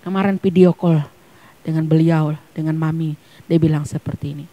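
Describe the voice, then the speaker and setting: A woman pastor preaching a sermon at a church service. She is emphatic, swinging between hushed near-whispers and loud, fervent peaks. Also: low-pitched, fairly even intonation, normal speed, no echo.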